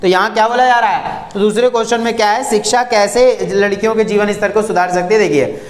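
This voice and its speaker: A man's voice: high-pitched, steady tone, fast talker. A male teacher explaining a textbook lesson. He reads lines from the book, restates them in plain words and gives students firm, direct advice. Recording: echoey room.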